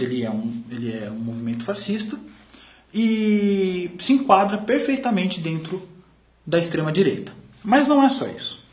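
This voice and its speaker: Brazilian guy giving a history lecture video, keeps saying "é" and restarting, kinda high voice, echoey room. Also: darkish tone. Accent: Brazilian Portuguese. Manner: hesitant, frequent filler sounds and restarts. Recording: roomy echo.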